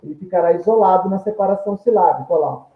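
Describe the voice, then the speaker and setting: Male grammar teacher, high-pitched, explanatory, tinny phone-like sound in an echoey room. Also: rapid-fire. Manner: explanatory, points at examples on screen; stretches out example words syllable by syllable. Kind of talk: video lesson explaining grammar.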